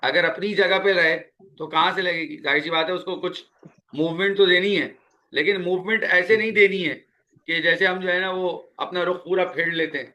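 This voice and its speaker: A man leads a spoken tajweed lesson in a small classroom, with a student sitting in. His voice sits a little high and rings bright and forceful. He is patient and repeats each key sound slowly. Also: fairly even intonation. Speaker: Quran recitation teacher.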